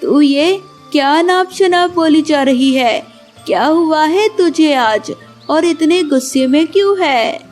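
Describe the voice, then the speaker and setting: A woman's voice: high-pitched, expressive, slow pace, a little mellow, faint music behind. A woman voicing a scheming, scolding mother-in-law bird in a cartoon, with dramatic wailing.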